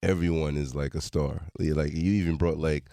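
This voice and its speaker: A man's voice: very deep voice, fairly even intonation, normal speed, dark tone, dry recording, studio quality. A man hosting a podcast, asking questions in an enthusiastic, slangy way and often repeating himself. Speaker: podcast host. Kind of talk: casual interview. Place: studio.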